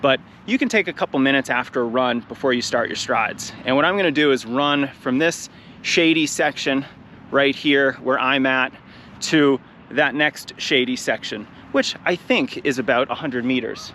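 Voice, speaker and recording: A running coach, a little out of breath, talking nonstop to a handheld camera on a grass field outside. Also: male voice, mid-range voice, normal speed, a little hiss or hum. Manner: talks nonstop, energetic and encouraging. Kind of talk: outdoor instructional talk to camera. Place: grass field outdoors, near traffic. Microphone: handheld camera carried while running.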